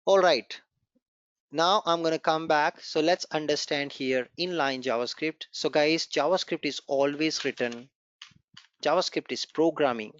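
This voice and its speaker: A Gujarati-speaking man teaches a live online coding class, encouraging his students and walking through the code step by step while repeating key points more than once. His voice comes across dull and dry, like a low-fi computer mic recording, at a measured pace and a bit bright, with no room sound.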